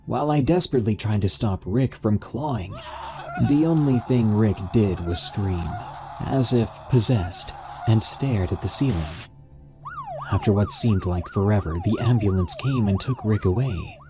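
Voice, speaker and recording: A man narrating a horror story in a measured storytelling style. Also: fairly low pitch, wildly swooping pitch, over music.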